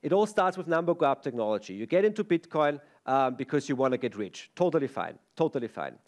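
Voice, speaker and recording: Speaking quickly in a mid-range voice with big pitch swings, a middle-aged native German speaker with an Austrian accent presents a conference talk from a stage. His delivery is chatty and self-deprecating, peppered with fillers and restarts.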